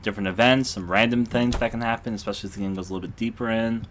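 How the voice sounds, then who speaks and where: A man's voice: lowish voice, fairly even intonation, rapid-fire, a little hiss or hum. A man giving laid-back, jokey commentary while playing a horror game. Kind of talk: casual gameplay commentary.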